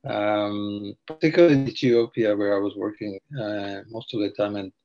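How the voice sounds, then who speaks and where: A man's voice: lowish voice, steady tone, moderate pace, mellow, muffled recording. An older man from Slovakia, a podcast guest telling his story in a meandering, hesitant way. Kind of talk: casual interview.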